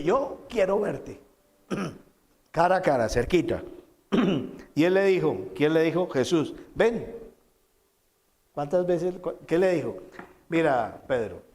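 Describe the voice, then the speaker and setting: A man preaching a sermon as pastor, emphatic and repetitive, swinging between loud quoted lines and soft, low asides. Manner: emphatic preaching with repeated phrases and dramatic quotes.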